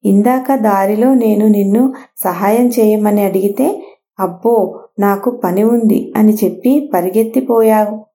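A woman's voice: medium pitch, measured pace, mellow, lightly acted. A woman voicing the wind in a children's story, a wise spirit that begs for help and later lectures about kindness. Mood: lecturing. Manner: lecturing, moralizing.

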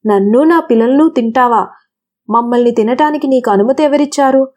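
A defiant mother horse in a children's fable, spoken by a woman narrator, indignant and challenging. The voice is a touch high and mellow. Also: fairly quick, natural voice.

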